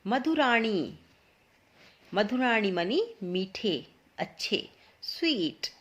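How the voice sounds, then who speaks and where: Slow, patient woman teacher. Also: medium pitch, big pitch swings, a bit bright, muffled recording. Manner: patient, repeats each word slowly for students. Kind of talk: explaining a school lesson.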